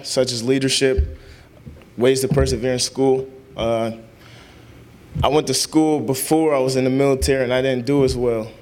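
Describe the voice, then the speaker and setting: A young man speaks at a ceremony about his time as a student veteran. He is sincere and halting, and he fills his pauses with "um.". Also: medium pitch, a little mellow, clean tone. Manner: sincere, halting, with many "um" fillers. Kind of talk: informal speech at a ceremony.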